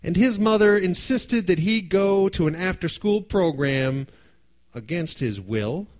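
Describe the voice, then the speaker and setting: A man tells a personal story with a lively, swooping delivery. He acts out the voices of the people in it and laughs often, and his voice sits at a middle pitch.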